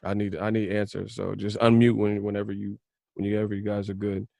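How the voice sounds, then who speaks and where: A man's voice: lowish voice, monotone, brisk, creaky, warm tone, no room sound, studio quality. Slangy man hosting a video call. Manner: joking, teasing, slangy. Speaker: host. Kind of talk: casual group video call.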